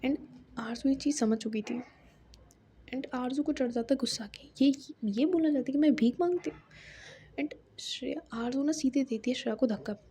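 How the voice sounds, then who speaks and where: A woman tells a long love story in a chatty, conversational way. Her voice sits a little high but sounds mellow and dark. She keeps pausing for asides and fillers. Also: a little hiss or hum. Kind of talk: casual story narration.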